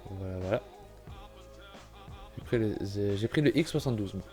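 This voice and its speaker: A lowish, somewhat mellow male voice speaks at a moderate pace with soft music behind it. He's a YouTuber with a cold who clears his throat while casually commenting on a computer-building game, correcting himself and apologizing often.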